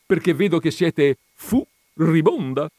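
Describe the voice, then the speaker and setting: A man reading aloud, voicing a cheerful gentleman who can't stop making puns. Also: medium pitch, sing-song, measured pace, dry recording, studio quality, voice pushed up. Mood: jovial. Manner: jovial, cheerfully pleased with own puns. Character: jovial punning male gentleman.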